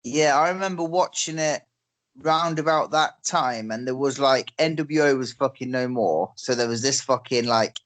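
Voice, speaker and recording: A man's voice: medium pitch, moderate pace, a bit bright. A man, a podcast co-host chatting casually, blunt and sweary. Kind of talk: casual chat.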